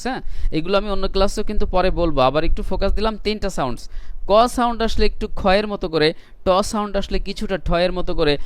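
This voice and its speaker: A male language teacher in an online lesson, slowly repeating words to model pronunciation and switching between explanation and English phrases. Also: high-pitched, smooth.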